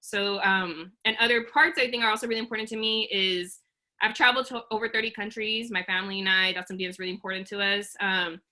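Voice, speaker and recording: The audio is poor, carrying a sharp, mid-range female voice with fairly even intonation and a quick pace. She's in her thirties, from Oakland, California, and earnestly presents a career webinar over video call with many fillers, um's, and restarts.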